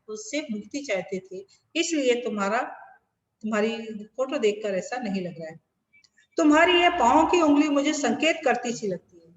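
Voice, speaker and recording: A woman teacher explaining a Hindi lesson over a video call, asking rhetorical questions and restating each point. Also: fairly high pitch. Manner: rhetorical, repeats and rephrases lines while explaining. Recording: echoey room with long reverb.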